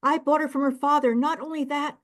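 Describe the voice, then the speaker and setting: A woman's voice: high-pitched, fairly even intonation, brisk, voice pushed up, close to an everyday voice. A woman voicing a self-pitying, greedy male innkeeper who protests in a wheedling, indignant way.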